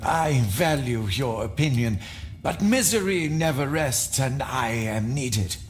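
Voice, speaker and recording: A man acting an ailing, dignified Victorian lord in a video game, courteous and measured. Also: mid-range voice, animated, soft background music. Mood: dignified, weary.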